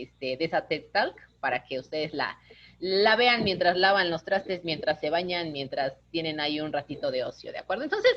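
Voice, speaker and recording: A woman, an instructor giving a lively online lecture, talking with her hands. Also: deep voice, muffled recording, a little hiss or hum. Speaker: course instructor.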